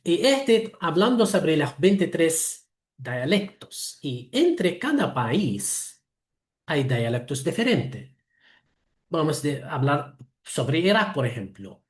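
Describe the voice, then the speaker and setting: Slow Arabic-accented man lecturing. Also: fairly high pitch, sing-song, reverberant. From Lebanon. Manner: slow, halting, with self-corrections. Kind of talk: online talk, explaining.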